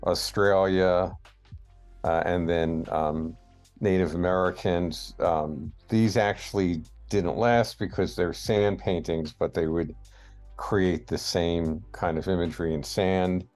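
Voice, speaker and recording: Male lecturer, very low and unhurried, halting delivery, faint music bed. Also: fairly even intonation, darkish tone. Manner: slow and hesitant, many fillers. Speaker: guest lecturer. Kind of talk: lecture with slides.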